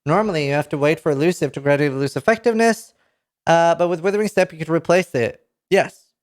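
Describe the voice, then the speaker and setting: This is a fast-talking streamer in his thirties with a Norwegian accent and a voice on the high side. Using a headset mic at a desk, he reads patch notes to a live chat, swearing casually and bursting out excitedly.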